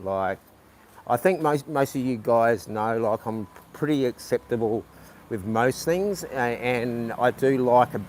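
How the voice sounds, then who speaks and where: A man's voice: mid-range voice, darkish tone, slight background noise. A man from New Zealand chatting casually on a phone live stream outdoors at a night market, rambling and restarting his sentences. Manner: rambling, halting, with many restarts. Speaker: livestreaming vlogger.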